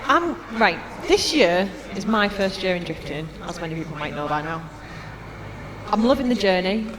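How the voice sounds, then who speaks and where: A man's voice: high voice, very animated, normal speed. A man chatting casually as co-commentator, sounding amazed and agreeable, echoing words for emphasis. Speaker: co-commentator and novice drifting participant. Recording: crowd noise behind trackside chat.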